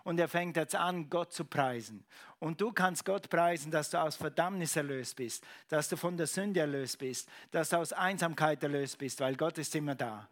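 Middle-aged pastor preaching, emphatic, repeats phrases, fairly high voice. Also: male voice, moderate pace. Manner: emphatic, repeats phrases, swings from loud to hushed. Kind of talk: sermon.

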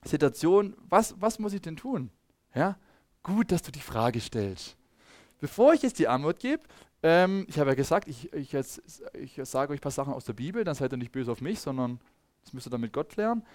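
A man preaching a sermon in a lively, conversational way, calling out to the congregation and sometimes searching his notes. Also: mid-range voice, fairly quick, no room sound, studio quality. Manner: lively, calls on congregation, loses track of notes.

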